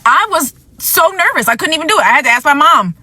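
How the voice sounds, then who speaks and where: A woman's voice: high-pitched, animated, quick pace, bright, forceful tone, dry recording. A woman hosting a vlog, delivering impassioned commentary in a blunt, angry, profane way, repeating points for emphasis and fighting back tears. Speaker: vlog host.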